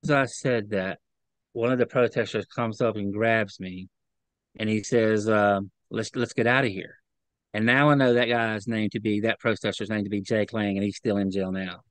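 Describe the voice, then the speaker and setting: Guy on a video call telling his story, smooth clear voice, dry sound, kinda halting. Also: on the low side, steady tone, a bit bright, no echo, rough recording. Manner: earnest, halting, repeats words when upset. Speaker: interview guest. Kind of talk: remote interview testimony.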